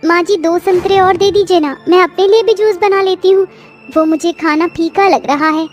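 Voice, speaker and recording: A woman voicing a meek, gentle young pregnant wife in a cartoon story. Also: very high-pitched, steady tone, moderate pace, soft background music. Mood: pleading. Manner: pleading, soft.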